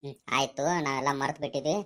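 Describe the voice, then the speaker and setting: A pushy young village friend, played by a woman, coaxes and wheedles in a low, quick voice. He has a North Karnataka Kannada accent and the easy patter of a comic skit. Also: little pitch movement, a bit bright.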